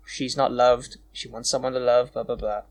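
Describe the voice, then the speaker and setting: A man's voice: mid-range voice, little pitch movement, moderate pace. Guy cohosting a podcast, jokey and bickering, swears a lot, casual chat. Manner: joking, bickering, swears freely. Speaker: podcast co-host.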